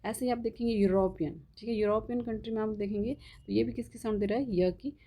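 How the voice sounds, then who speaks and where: A woman's voice: fairly high pitch, fairly even intonation, warm tone. A woman teaching a grammar lesson for exam students. She keeps asking the class questions and answering them herself, often checking with "ठीक है?". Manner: spells example words slowly.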